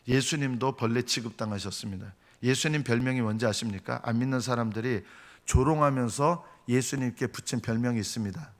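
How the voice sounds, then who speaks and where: A man preaching a dawn prayer sermon as a pastor, who acts out the voices of mockers with a raised pitch. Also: fairly bright tone. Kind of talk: early-morning prayer sermon.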